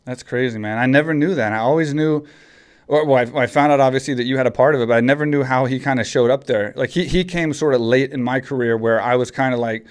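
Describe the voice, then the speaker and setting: A man's voice: medium pitch, fast talker. A man in his forties from Texas hosting a podcast, talking casually and rambling with many restarts. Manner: rambling, frequent restarts and fillers. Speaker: podcast host. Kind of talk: casual chat.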